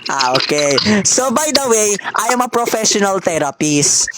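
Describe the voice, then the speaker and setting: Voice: medium pitch, sing-song, measured pace, heavy background noise. A gamer chatting casually during online play, playful and mock-serious, mixing in English phrases. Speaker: gamer playing online with others. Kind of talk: casual gameplay chat.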